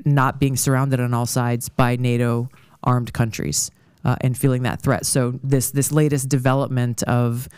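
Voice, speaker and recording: A man speaking as a podcast guest on politics, measured, with hesitant restarts before long points. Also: mid-range voice, level tone, a little mellow, smooth, dry recording, studio quality. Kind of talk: political discussion.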